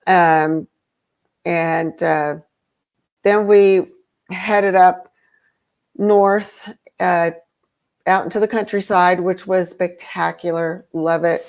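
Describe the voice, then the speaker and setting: A woman's voice: on the low side, steady tone, slow, long pauses, a little mellow. A woman talking casually as a podcast guest, rambling with lots of fillers and restarts. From grew up in Europe. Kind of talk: casual conversation.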